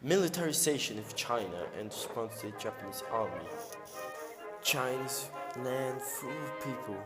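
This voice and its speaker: A man's voice: medium pitch, lively intonation, normal speed. A man narrating in the manner of an old newsreel, with a solemn announcer delivery and slightly awkward phrasing. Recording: roomy long reverb over clear music.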